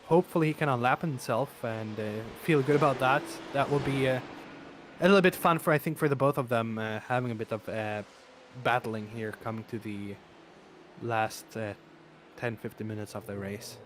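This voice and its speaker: A man calling a sim race live, talking through his race-day hoarseness with lots of fillers and restarts. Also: mid-range voice, normal speed. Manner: excitable, many fillers and restarts. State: voice wearing out. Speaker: race commentator. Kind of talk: live sim racing commentary. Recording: noisy stream with engine sounds. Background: race car engine noise.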